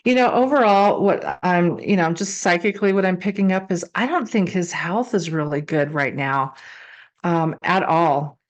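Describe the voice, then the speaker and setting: A woman's voice: lowish voice, animated, moderate pace. A woman giving a casual, improvised tarot reading, speaking conversationally and repeating phrases for emphasis. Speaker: tarot card reader and psychic.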